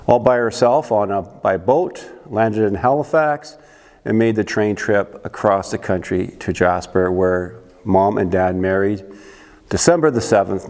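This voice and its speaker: An older man with a Canadian accent talks to camera in a low voice, rambling and unhurried, with many restarts. The sound trails off in a long reverb, as if recorded in an open hall. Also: a little mellow. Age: 60s. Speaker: church show host. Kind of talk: casual monologue to camera.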